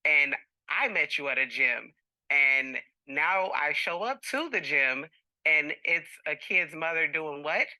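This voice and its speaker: A woman with a very bright, forceful voice, slightly low for a woman, makes her complaint as a TV court litigant. She sounds exasperated and aggrieved, hammering points by repeating them, with a close, dry sound. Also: animated, slow, no echo, rough recording.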